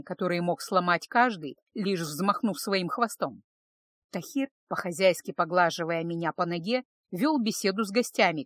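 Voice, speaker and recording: A woman reading a first-person audiobook in a steady, expressive narration on a close microphone. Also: lowish voice, dry recording.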